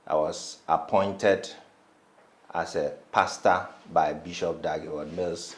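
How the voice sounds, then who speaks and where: A man's voice: low-pitched, steady tone, slow, reverberant. A man in his forties, a former pastor, giving plain factual answers in an interview. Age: 40s. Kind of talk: testimony interview.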